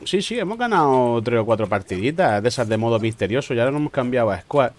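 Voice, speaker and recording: With a medium pitch and lively intonation, this streamer speaks quickly in a Spain Spanish accent. He jokes around with teammates, offering casual, teasing commentary laced with slang.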